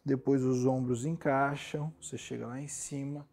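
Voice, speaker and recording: A man with a Brazilian accent leads a yoga relaxation in a gravelly, mid-range voice at a moderate pace. As instructor, he is calm, soothing and gently instructive.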